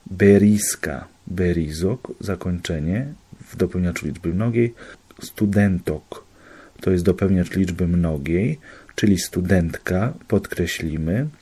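Low, husky man; student walking peers through examples methodically, lesson style. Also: takes it slowly, dark tone. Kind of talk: explanatory lesson.

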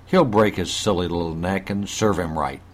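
A deep-voiced man voicing a spiteful storybook cat who sneers at others' hopes. The tone is scornful and cold, but still low and plain, in the manner of a storyteller sketching a side character. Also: moderate pace. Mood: sneering.

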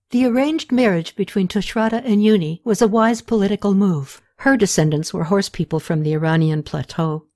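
A woman narrating a historical novel in a steady, even storytelling voice. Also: medium pitch. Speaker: audiobook narrator. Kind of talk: scripted narration.

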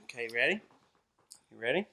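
A man with a bright, forceful voice on a casual podcast. He coaxes his young child in a patient, coaching tone, keeping her attention on him. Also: medium pitch, sing-song, a little fast, gravelly, husky. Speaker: podcast co-host. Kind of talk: casual chat.

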